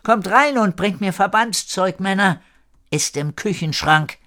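A quick, capable field nurse in a radio play barks out instructions, as a man puts on a raised voice. The pitch sits well above a normal speaking voice, and every line sounds like a call for help. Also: pushed and bright. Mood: commanding. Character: brisk female field nurse.

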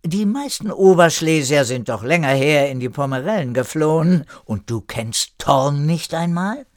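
A man putting on a brisk, bossy village woman. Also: fairly high pitch, expressive, no echo, clean studio sound, pitched above the performer's own voice. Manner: scolding, probing questions.

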